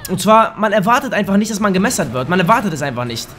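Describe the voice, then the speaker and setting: Young male gamer, high-pitched and a bit hoarse, crude and excitable, yelps at his screen, faint game gunfire behind. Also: racing, a little hiss or hum. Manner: excitable, crude, bursts into shouts. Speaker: gaming YouTuber. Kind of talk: casual let's play commentary. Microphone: desk microphone.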